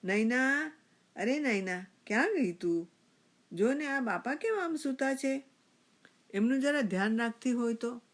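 A woman doing a fretful, loud-calling son. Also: lowish voice, unhurried. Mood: agitated. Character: grown son, agitated and fretful.

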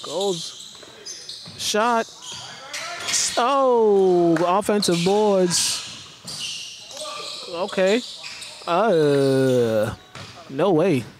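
Man, slightly high voice, laid-back slow play-by-play, noisy gym from the stands. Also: lively intonation. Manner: playful, offhand, makes up sound words. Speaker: amateur play-by-play commentator. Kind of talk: casual live basketball commentary. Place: indoor school gym with bleachers. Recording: noisy gym audio, ball bounces.

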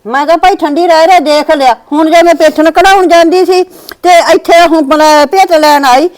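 A woman's voice: very high-pitched, normal speed, darkish tone. A woman playing a quarrelsome old village mother who complains about her daughter-in-law. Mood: grumbling. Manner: complaining, grumbling. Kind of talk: family drama acting.

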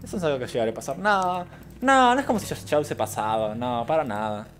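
A man's voice: medium pitch, sing-song, very fast, soft background music. A young man, streaming a game, reading the game's text aloud and reacting with casual, sarcastic, swearing asides.

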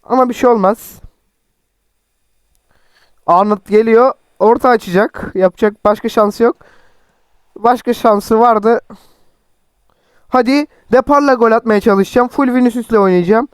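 A young man with a sore, cracking throat, chattily commenting on his own football game and yelling at his players. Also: very high-pitched, a little slow, pauses often, clear, resonant tone, no echo. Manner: chatty, teasing, shouts at players. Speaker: mobile football gameplay streamer. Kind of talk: excited gameplay commentary.

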